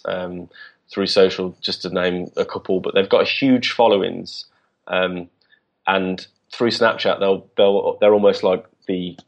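A man talking casually as a podcast guest, halting with many restarts and fillers. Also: sits low, poor audio. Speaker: guest, business co-founder.

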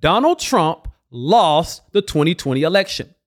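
A man's voice: a little high, very animated, a little slow. A man delivering scripted political commentary as a host, with a sarcastic, mocking manner.

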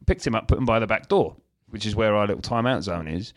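A man co-hosting a casual chat podcast, telling animated stories and acting out exchanges with his toddler. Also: on the low side, quick pace. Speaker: podcast co-host.

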